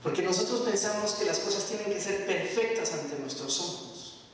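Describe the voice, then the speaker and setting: A man's voice: sits high, normal speed, slight background noise. A man in his thirties, born in Mexico to Salvadoran parents, preaching a sermon and getting the congregation to repeat after him. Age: 30s. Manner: testimony with call-and-response to the congregation. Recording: echoey hall, picked up from far off.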